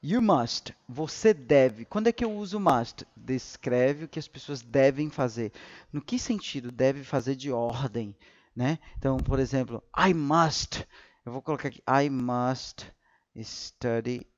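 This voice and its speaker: Slow, patient male teacher. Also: medium pitch, muffled recording. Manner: patient, repeats example sentences slowly. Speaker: English teacher. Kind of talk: live class explanation.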